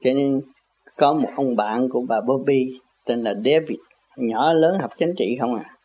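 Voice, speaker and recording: A man's voice: mid-range voice, measured pace, breathy edge. An older man in a casual, rambling monologue, chuckling often as he argues about where words come from. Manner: chuckling, argumentative, folksy word-play. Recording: tinny phone-like audio.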